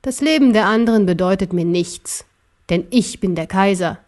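A woman voicing an arrogant, cruel ancient emperor in an audiobook, speaking slowly and scornfully. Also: mid-range voice, a little mellow, lightly acted. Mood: gloating. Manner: slow, scornful and gloating. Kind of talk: audiobook character voice.

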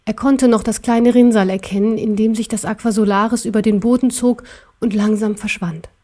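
A woman narrating a storybook in an expressive, dramatic way. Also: fairly high pitch, normal speed. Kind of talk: storybook reading.

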